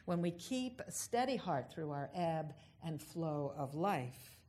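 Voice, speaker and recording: Low-voiced woman giving a reflective talk. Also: lively intonation, warm tone. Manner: unhurried, thoughtful, drawn-out emphasis on key words. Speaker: speaker giving a reflective address.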